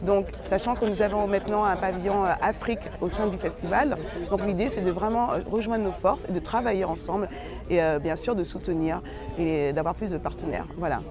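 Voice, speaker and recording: A woman's voice: medium pitch, a little fast. A woman from French Guiana, a media entrepreneur, answering interview questions at a festival with frequent hesitations. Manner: fluent, many fillers. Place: outdoors at a busy festival. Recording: crowd noise outdoors.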